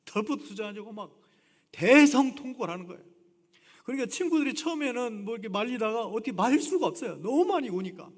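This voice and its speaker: A man's voice: very high-pitched, expressive, fast. A man preaching a sermon as a guest pastor, telling stories animatedly and acting out the voices of the people in them. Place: church sanctuary. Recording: long church reverb.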